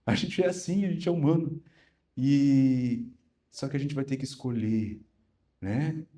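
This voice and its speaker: A middle-aged Brazilian man preaching a sermon, telling a personal story with animated swings between loud and soft. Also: mid-range voice, measured pace. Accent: Brazilian Portuguese. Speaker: pastor.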